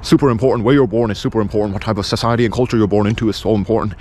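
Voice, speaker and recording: Very fast-talking British man, bluntly insistent. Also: lowish voice, fairly even intonation, dark tone, a little hiss or hum. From England. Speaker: video presenter. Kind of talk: unscripted opinion monologue.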